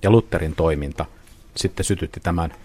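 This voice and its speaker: A man's voice: low voice, darkish tone, a little hiss or hum. A man hosting a panel discussion, posing questions and handing over to the speakers. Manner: asks questions, introduces speakers. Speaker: host.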